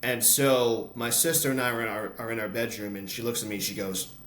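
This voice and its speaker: A medium-pitched, steady, slightly bright voice moves fairly quickly as an American announcer and voice-over artist shares personal stories as an interview guest. Background noise is noticeable, and the space sounds roomy and echoey.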